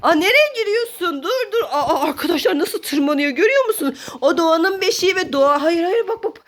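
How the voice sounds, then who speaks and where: A woman's voice: very high voice, expressive, fairly quick. A woman filming a family vlog at home, commenting playfully with exclamations, mock-scolding and frequent laughter. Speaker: family vlogger. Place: child's bedroom at home.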